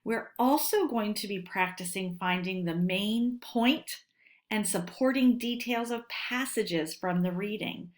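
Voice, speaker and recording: With a medium-pitched voice, a female teacher takes children through a lesson read aloud. She goes deliberately, in an instructional style, putting questions to them and supplying the answers.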